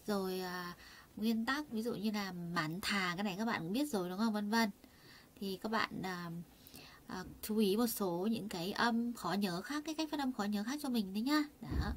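A woman leads an online Korean lesson in a chatty, unhurried way, filling pauses and tossing rhetorical questions to her students. She sounds out each word slowly so learners can repeat it, in a fairly high voice. Keyboard typing can be heard in the background. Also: slight background noise. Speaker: Korean language teacher. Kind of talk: online lesson explaining vocabulary and grammar.

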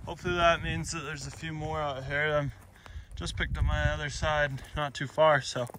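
A man's voice: on the high side, little pitch movement, moderate pace, background noise. A young man talking casually to a phone camera while out hunting in open country, rambling with lots of fillers. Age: young adult. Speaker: shed hunting vlogger. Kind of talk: casual outdoor vlog. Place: outdoors in open scrubland. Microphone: phone camera held close.

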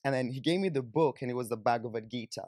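This young adult podcast guest, Kenyan-accented, is a fast talker with a medium-pitched, darkish voice, recounting personal stories in a loose, conversational way with lots of "like" and "you know." He sits on a sofa in a small indoor studio, close to a boom-arm studio microphone. The recording is dry and clean.

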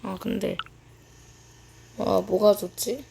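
A woman's voice: medium pitch, fairly even intonation, slow pace, vocal fry, warm tone, slight background noise. A woman giving casual, playful commentary to herself while playing a video game. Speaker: gaming YouTuber.

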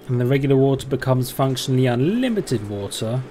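A man's voice: medium pitch, very animated, fairly quick, mellow, a little hiss or hum. A man doing gameplay commentary, thinking aloud in a rambling way and asking himself questions. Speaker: game streamer, let's play host.

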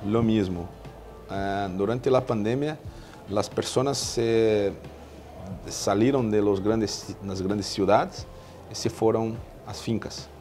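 A man in his thirties, a veterinarian, answering interview questions in Spanish with a Brazilian Portuguese accent, halting with many fillers and restarts, recorded on a lapel mic at an indoor stand. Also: lowish voice, a little mellow, soft background music. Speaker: veterinarian in equine nutrition.

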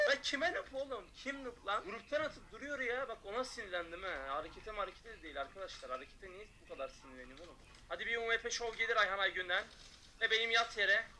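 A man streaming a shooter game, taunting opponents with loud mocking shouts and quick low asides to his chat. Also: slight background noise. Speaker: gaming streamer. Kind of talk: excited gameplay commentary.

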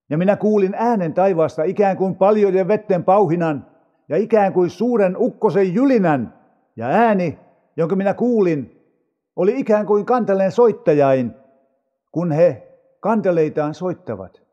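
A man reads scripture aloud in a solemn, measured manner. His voice sits high for a man but sounds mellow. The recording is somewhat dull and carries a long reverb. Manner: measured, unhurried reading. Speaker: audio Bible reader.

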